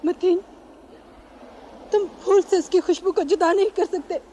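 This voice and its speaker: A woman's voice: very high voice, fairly even intonation, unhurried, dark tone. An actress playing a desperate mother who pleads emotionally to see her daughter, with drama score music behind. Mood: determined. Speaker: actor in TV drama. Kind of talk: 1980s TV drama acting.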